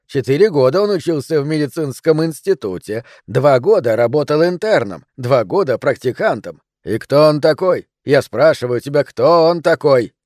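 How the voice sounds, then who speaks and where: A man voicing a cranky middle-aged hypochondriac in bed who rants loudly and drags out his words. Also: fairly high pitch, expressive, no room sound, clean studio sound, lightly acted. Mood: ranting. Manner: shouting, indignant, drawn-out emphasis.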